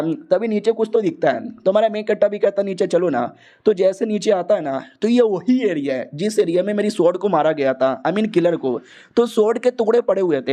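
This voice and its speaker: High-voiced man retelling a manga story. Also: warm tone. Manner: slangy, joking asides.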